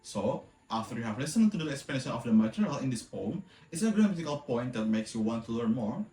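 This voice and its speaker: A man's voice: mid-range voice, big pitch swings, fast talker, mellow, roomy sound, faint music behind, poor audio. A young man from Indonesia, a student presenter reading a lesson recap with loose, informal add-ons. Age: young adult.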